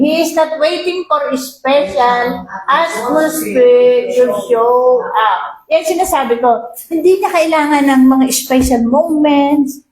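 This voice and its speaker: A woman's voice: high voice, echoey room, poor audio. A Filipino woman pastor preaching a sermon, reading English lines and often asking her listeners questions.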